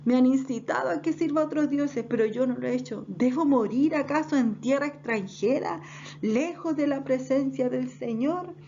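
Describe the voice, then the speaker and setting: A woman's voice: sits high, normal speed, mellow, voice pushed up. A woman voicing an earnest young man pleading with a king, in a lo-fi recording. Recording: dull lo-fi recording, faint noise.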